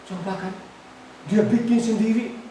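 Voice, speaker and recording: A woman preacher delivers an exhorting sermon, firing questions at her listeners and repeating key words. Her voice sits fairly high. She is heard from a distance in a very echoey room with a faint hiss behind her. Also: fairly even intonation, normal speed, dark tone. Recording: echoey room, far from the mic.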